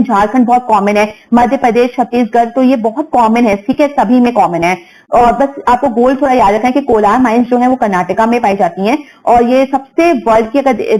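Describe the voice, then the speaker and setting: A young woman teaching an exam-focused lesson in a fairly high, mellow voice. She explains patiently step by step, mixing English terms into her Hindi and checking in with her students again and again. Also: poor audio. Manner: explanatory, mixes English terms into Hindi, frequent "theek hai" check-ins.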